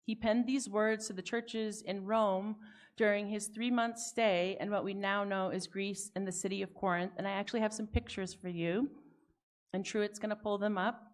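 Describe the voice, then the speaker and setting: A woman pastor in her forties preaches from a pulpit microphone in a church. She moves between thoughtful, measured reflection and chatty personal stories told to her congregation. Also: mid-range voice, steady tone. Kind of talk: sermon. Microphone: speaking at a pulpit microphone.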